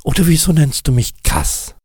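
A man's voice: a little high, lively intonation, moderate pace, dark tone, slightly rough, no room sound, studio quality, voice pushed up. A man voicing a teasing, easygoing snowman friend who jokes and reassures as he reads a storybook aloud. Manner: jokey and reassuring. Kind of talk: storybook reading.

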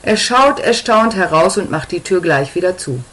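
A woman narrating a story in a calm, even reading voice. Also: lowish voice, normal speed, rough recording.

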